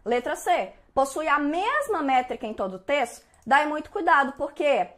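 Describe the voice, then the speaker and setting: A woman's voice: high-pitched, expressive, normal speed. A woman with a Brazilian Portuguese accent, teaching an online exam-prep lesson in a chatty way and checking in often with her students. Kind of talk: online lesson, going over exam answers.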